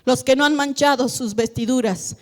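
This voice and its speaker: High-voiced woman pastor preaching. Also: normal speed, long reverb tail. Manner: animated, acts out family dialogues. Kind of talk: sermon. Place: church.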